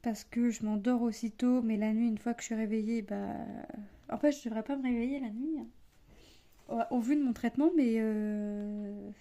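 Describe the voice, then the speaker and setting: Chatty mellow-voiced woman stitching. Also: on the high side, steady tone, normal speed, lo-fi sound. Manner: rambling, chatty, many fillers and restarts. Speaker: cross-stitch vlogger, mother. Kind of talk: casual chat while stitching.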